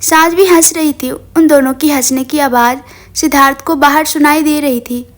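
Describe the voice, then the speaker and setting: Reading a tender drama as scripted story narration, a woman delivers it expressively and with emotion. Her high voice moves at normal speed and keeps a steady storytelling flow.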